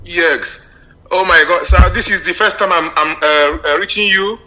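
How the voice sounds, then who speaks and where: Man calling in over a phone line, hesitant and repetitive; voice pitched high and sharply bright. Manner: halting, frequent fillers and repeated words. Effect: heard over a phone line. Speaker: radio call-in caller. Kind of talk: earnest call-in comment.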